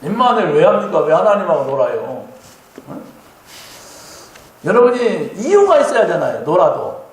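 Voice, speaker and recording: A man's voice: high-pitched, sing-song, normal speed. A male pastor preaching a sermon in a church, talking conversationally and keeping up a stream of questions to the congregation. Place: church sanctuary. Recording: heavy church-hall echo, faint hum.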